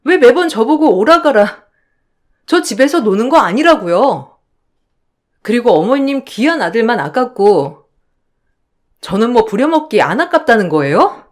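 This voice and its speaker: A woman's voice: fairly high pitch, big pitch swings, a little slow, pauses often. A woman voicing a young wife who answers back firmly and indignantly, in a radio drama. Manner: firm, indignant retorts. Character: sharp-tongued young wife standing her ground.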